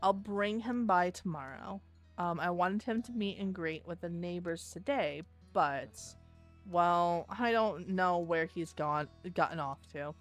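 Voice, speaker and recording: A woman's voice: on the low side, measured pace, faint music behind, natural voice. A woman voicing a worried, polite middle-aged father who is looking for his son, reading a visual novel aloud.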